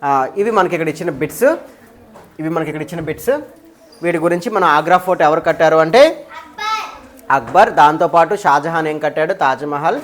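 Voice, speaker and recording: A woman's voice: low-pitched, fast talker. A woman teacher taking a live class of students through an exam paper. She mixes in English terms and keeps checking with them.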